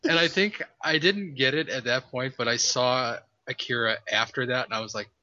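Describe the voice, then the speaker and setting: Bright-voiced man telling stories, dry lo-fi sound. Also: mid-range voice, normal speed, dry recording. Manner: rambling storyteller, laughs at his own stories. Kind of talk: casual podcast chat.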